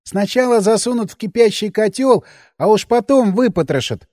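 A man voicing a timid, frightened, childlike grown man who talks about himself in the third person, pleading in a high whiny voice. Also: expressive, moderate pace, no echo, studio quality. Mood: nervous insistent. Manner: frantic pleading, hushed hissing, high and whiny. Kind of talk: audiobook character voice.

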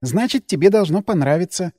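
Give me a man playing a cocky teen girl fighter, sardonic and cold, in a higher dry voice. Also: animated, brisk, darkish tone, no echo. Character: teenage girl, sharp-tongued vengeful fighter. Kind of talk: audiobook character voice.

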